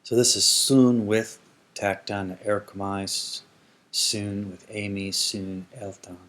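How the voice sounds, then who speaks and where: Slow, low-voiced male language teacher. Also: level tone, a bit bright. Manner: slow, careful, repeats words to model pronunciation; hesitant with frequent ums and restarts. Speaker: ancient Greek teacher. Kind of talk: explanatory grammar lesson.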